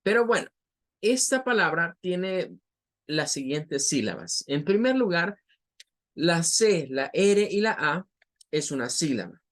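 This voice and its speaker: A man's voice: on the high side, very animated, slow, a bit bright. A male English teacher with a Latin American Spanish accent, giving a vocabulary lesson and patiently repeating each word for pronunciation.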